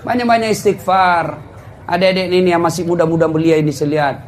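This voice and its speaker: Male preacher, high-pitched, comic storyteller who swings from booming to hushed, faint background noise. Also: fairly even intonation, fast talker. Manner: humorous storytelling, jumps from loud exclaiming to low confiding tones. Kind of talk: comedic sermon. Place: before a live congregation.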